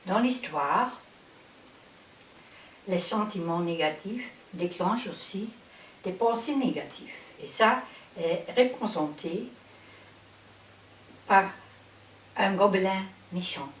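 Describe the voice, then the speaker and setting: Slow-speaking woman with a Flemish Dutch accent. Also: mid-range voice, expressive. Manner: halting, careful non-native phrasing with pauses. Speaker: psychotherapist trainer and presenter. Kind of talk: instructional video introduction. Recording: roomy, distant microphone with faint hiss.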